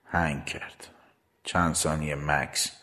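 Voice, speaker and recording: Man, very deep voice, hushed intimate storytelling, slow first-person narration. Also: level tone.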